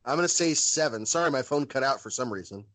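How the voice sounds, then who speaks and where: A man's voice: mid-range voice, expressive, quick pace, a bit bright, no echo. A man answering trivia in casual podcast chat over a choppy phone connection that keeps cutting out. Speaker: podcast co-host playing trivia.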